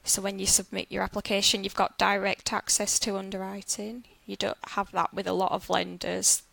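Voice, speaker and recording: A woman's voice: mid-range voice, completely flat delivery, moderate pace, gravelly, bright, forceful tone, dry recording, low-quality recording. A woman with a Yorkshire accent, a podcast guest who explains her job in a friendly, matter-of-fact way. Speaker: guest, business development manager at a lender. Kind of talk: podcast interview answers.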